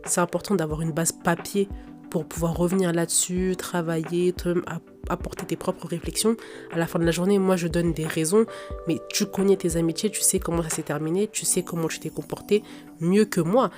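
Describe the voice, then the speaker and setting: Young woman, slightly low pitch, nasal congestion from a cold, direct casual podcast monologue, faint music behind. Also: steady tone, a little fast, a little mellow. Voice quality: congested, blocked-nose nasal voice. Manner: direct, addresses listener informally, emphatic. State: sick with a cold and sore throat. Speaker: podcast host. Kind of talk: casual advice monologue to listeners. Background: faint background music.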